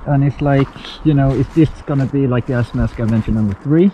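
A man's voice: medium pitch, a little fast, slight background noise. A man narrating a casual, sweary first-person adventure vlog outdoors, his voice muffled by a gas mask. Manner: sweary, informal, talking to camera. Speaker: vlogger playing a survival mission. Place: outdoors in a forest. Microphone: handheld action camera at arm's length. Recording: dull muffled sound through mask. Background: music.

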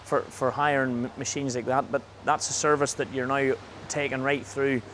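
A man's voice: medium pitch, little pitch movement, normal speed, a bit bright, a little hiss or hum. Chatty jokey male host outdoors. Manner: chatty and jokey, with frequent laughs. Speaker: interviewer and show host. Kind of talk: casual on-site interview. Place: outdoors in a farm yard.

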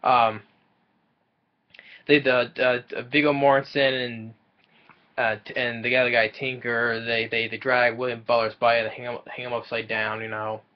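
A man's voice: medium pitch, flat delivery, normal speed, dull audio. A young man casually recapping a film's plot from a small room, often stumbling and repeating words as he goes. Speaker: movie reviewer.

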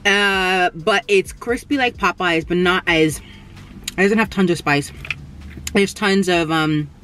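A young Canadian woman, a food vlogger, reviews fast food in a casual mukbang while eating in a parked car, filmed by a camera on the dashboard. Her voice is lowish with a fairly bright tone, and she's chatty, eating between remarks and humming appreciatively between bites.

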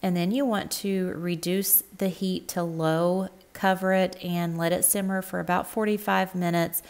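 A woman talks through a recipe in a voice sitting a little low. She gives friendly, step-by-step directions, like a home cook narrating her own kitchen video. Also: level tone, a little slow. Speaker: cooking channel host. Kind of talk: cook-along voice-over narration.

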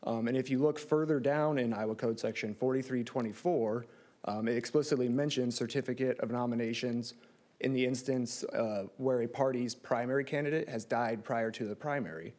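Using the lectern microphone of a large courtroom, a lawyer in his thirties delivers a formal argument in an appeal. He speaks fairly quickly with fairly even intonation, in a medium-pitched, slightly mellow voice.

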